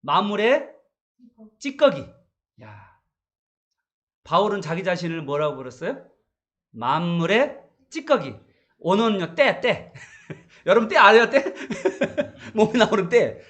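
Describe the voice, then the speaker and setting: A man's voice: sits high, animated, a little slow, long pauses, fairly bright tone. A male pastor giving a morning Bible sermon, asking the congregation rhetorical questions.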